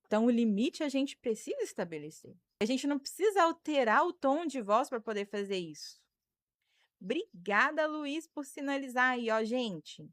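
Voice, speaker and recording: A Brazilian woman in her thirties talks through a live stream as a psychologist, answering viewer comments and thanking people by name. Her voice sits a little high, and the sound is close and dry. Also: very animated, normal speed, dry recording. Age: 30s. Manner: warm advice-giving, thanks viewers by name.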